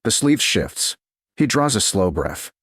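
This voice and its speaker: Dramatic yet measured, a man's low voice carries a scripted romance narration, rising and falling in very animated swings. The recording is close and dry, with no echo or room sound.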